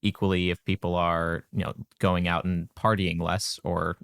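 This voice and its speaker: Man, podcast host, relaxed questioning, gravelly fry, low voice. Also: normal speed, dry recording, clean studio sound. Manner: relaxed questioning, some restarts. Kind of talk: casual podcast interview.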